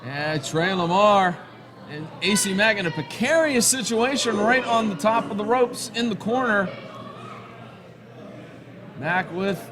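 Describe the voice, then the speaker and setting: A man working as a wrestling commentator, calling the moves live in an excitable, exclamatory way. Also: sits high, unhurried, long pauses.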